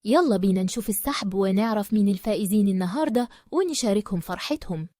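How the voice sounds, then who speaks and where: Quick Egyptian woman announcing prize winners. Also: mid-range voice, lively intonation, mellow, dry recording, studio quality. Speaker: prize draw presenter.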